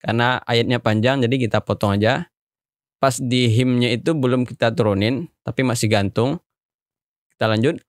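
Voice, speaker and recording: A man explaining recitation melody in a relaxed, friendly tutorial way. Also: medium pitch, normal speed, no echo, clean studio sound. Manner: relaxed, plain, speaks to viewers as friends. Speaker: recitation teacher.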